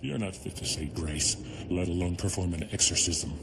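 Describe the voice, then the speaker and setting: An actor playing a spiteful male demon in a horror drama, gravelly and sneering as he mocks and threatens. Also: low voice, moderate pace. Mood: mocking taunts. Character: spiteful, taunting male demon, mocking and menacing. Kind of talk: horror television drama acting. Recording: loud noisy background under dialogue.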